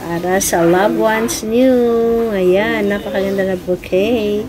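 A woman with a Filipino accent chats her way through a casual phone vlog. She talks slowly and keeps saying "ayan" between items. A lively indoor crowd murmurs behind her. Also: mid-range voice, low-quality recording. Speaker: vlogger. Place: indoor office bazaar with crowd. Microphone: handheld phone camera. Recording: phone video with crowd chatter.

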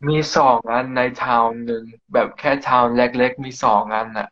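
A man's voice: medium pitch, little pitch movement, normal speed, a bit bright, dull audio. A teenage man from England whose first language is English, speaking casual, slangy Thai as an interview guest. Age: teens. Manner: casual, slangy Thai, says yeah often.

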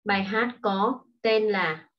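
A woman teaching a primary school English lesson online, explaining patiently and slowly to children. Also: medium pitch. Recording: dull lo-fi recording.

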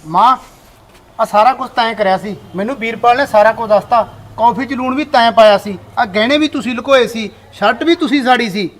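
A man's voice: very high-pitched, a little fast, fairly bright tone. A man playing an adult son who firmly accuses his mother. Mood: accusing. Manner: accusing, firm. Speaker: actor in a family skit.

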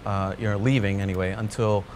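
A male chef, Colombian-born and raised in Queens, New York, speaks reflectively in a documentary interview filmed in a restaurant dining room with close seated framing and an off-camera mic. His fairly low voice has fairly even intonation, broken by many restarts and "you know" fillers, with background noise and music under it.

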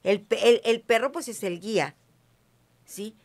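A woman's voice: fairly high pitch, measured pace, darkish tone. A middle-aged woman with a Mexican accent, talking in a chatty, emphatic way as an interview guest. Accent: Mexican Spanish. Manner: chatty, emphatic, often asks "¿sí me entiendes?". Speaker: interview guest, self-described witch. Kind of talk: casual conversational interview.

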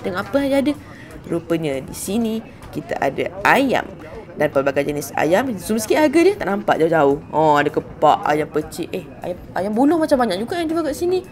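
A woman's voice: lowish voice, sing-song, fairly quick. Chatty Malaysian woman in a voice-over. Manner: chatty and self-mocking, with asides to viewers. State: hungry while fasting. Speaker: food vlogger. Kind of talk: casual voice-over narration. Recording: voice-over with faint music behind.

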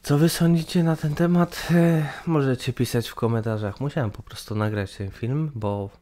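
A gaming channel host from Poland, in his twenties, talks to camera at a moderate pace in a medium-pitched, dark voice. He offers his opinion hesitantly, with lots of fillers and restarts, captured by a webcam in a small room that appears in the corner of a screen capture.

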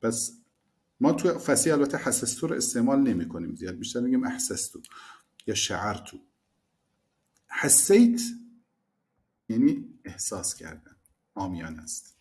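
A man's voice: mid-range voice, lively intonation, a little mellow. A man teaching a language lesson, explaining phrases animatedly and repeating the key words.

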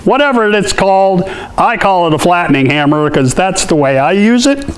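A man in his fifties, an artist who hosts welding tips, gives a casual hands-on workshop tutorial in a cluttered indoor metal workshop. His high-pitched, expressive voice moves at a moderate pace, and his manner is folksy and conversational. The audio quality is poor.

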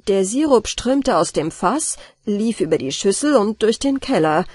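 Brief: female audiobook reader, bedtime story, animated intonation, dry close sound. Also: medium pitch, slightly rough, no echo. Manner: slow, expressive storytelling.

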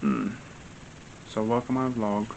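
Filmed by a camera resting on the counter some distance away, a vlogger in his twenties cooks in his small home kitchen, where the audio echoes and picks up background noise. His mid-range voice is gravelly and steady, and he talks slowly. He rambles casually, filling his speech with fillers.

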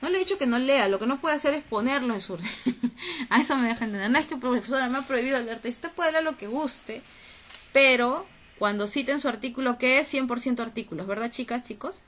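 Lively intonation marks this woman's high, somewhat bright voice as she lectures a little fast to students on a video call. A university teacher giving an online class, she teases and coaxes them with questions.

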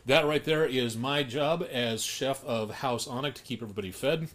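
A man's voice: mid-range voice, moderate pace, a bit bright. A middle-aged man, a home cook, talking through his bread recipe in a chatty, folksy, repetitive way. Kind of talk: casual cooking vlog.

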